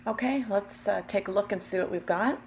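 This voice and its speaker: A woman with a gravelly, allergy-affected voice talks casually and unhurriedly through a craft demonstration, explaining each step carefully. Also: medium pitch, fairly quick. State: allergy-affected voice, throat clearing. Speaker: craft tutorial host. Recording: steady background hum, lawnmower noise. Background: lawnmower and hum.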